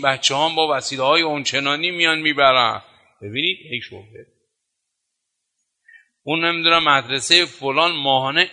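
Telling stories as he goes, a preacher with a fairly high-pitched, sharp voice delivers his sermon, stressing his points with forceful, rhythmic repetition. His words echo with a hall's long reverb.

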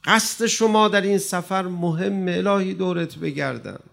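A man's voice: high-pitched, vocal fry, fairly bright tone. A male preacher giving an impassioned sermon, with emphasis that rises and falls. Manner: impassioned, rising and falling emphasis. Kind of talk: religious sermon.

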